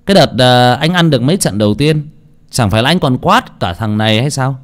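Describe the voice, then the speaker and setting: A man voicing a rough, bullying male debt collector who barks his threats. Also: mid-range voice, animated, brisk, natural voice. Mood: menacing. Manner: barking, bullying.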